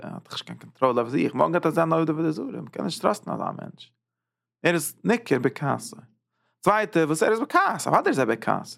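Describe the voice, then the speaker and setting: Man, religious teacher, gravelly voice, fairly high pitch, animated, repeats phrases for emphasis. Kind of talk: informal text lecture.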